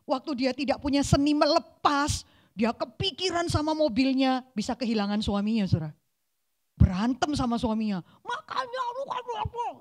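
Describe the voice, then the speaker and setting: A woman in her forties preaches a sermon in a church, speaking. Her voice sits a little high. She tells her stories lively and acts out the voices of the people in them. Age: 40s. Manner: lively storytelling, acting out voices in dialogue. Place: church hall.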